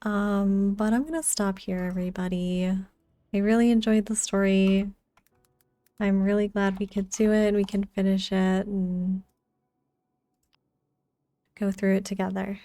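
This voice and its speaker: Casual and mellow, this female game streamer speaks softly with an easygoing flow, as in a relaxed livestream. The medium-pitched voice is level and measured, with long pauses, captured close and dry without echo.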